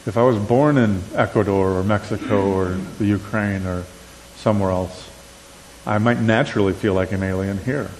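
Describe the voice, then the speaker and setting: A man's voice: on the low side, moderate pace. Midwestern man preaching in a church hall. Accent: Upper Midwestern American. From upper Midwest of the US. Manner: animated, asks the crowd questions, gestures while talking. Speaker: conference speaker. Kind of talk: conversational sermon. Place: church sanctuary. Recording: church hall with long reverb, faint hiss.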